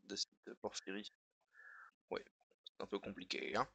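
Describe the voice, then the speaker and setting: Gravelly, bright-voiced man thinking aloud. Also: lowish voice, flat delivery, a little slow, no echo. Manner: mutters and repeats words while working, chatty asides to viewers. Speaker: streamer editing a dictionary wiki live. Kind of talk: casual live stream, thinking aloud.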